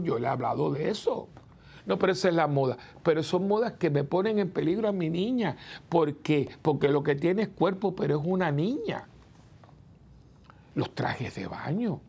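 Gravelly-voiced priest talking with his listeners. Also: a little high, lively intonation, normal speed, a little mellow. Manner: chatty, asks the listeners rhetorical "¿no?" questions; acts out the people he quotes. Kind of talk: conversational preaching talk.

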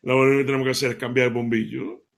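A man giving a devotional talk, telling stories in an animated way and laughing as he goes. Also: mid-range voice, rapid-fire, creaky. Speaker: lay preacher.

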